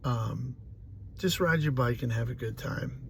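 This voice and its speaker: A man's voice: mid-range voice, measured pace, vocal fry, noisy background. A man in his forties telling a rambling, profane, self-mocking personal story in a casual way. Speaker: host.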